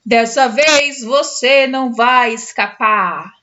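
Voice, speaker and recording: A Brazilian woman voicing a menacing bony ghost with a booming, slow, cavernous cackle. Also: fairly even intonation, darkish tone. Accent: Brazilian Portuguese. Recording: dull lo-fi sound.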